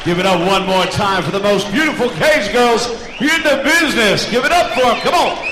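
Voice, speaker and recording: A man working as ring announcer, calling out to the crowd with booming, drawn-out announcements. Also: animated, background noise. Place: indoor fight arena. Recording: echoey arena with loud crowd. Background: cheering crowd.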